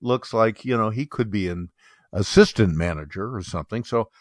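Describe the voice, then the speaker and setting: A man's voice: fairly low pitch, lively intonation, moderate pace, dry recording, studio quality. A man co-hosting a podcast, casually telling a story and acting out the voices of both sides. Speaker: podcast co-host. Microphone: podcast mic.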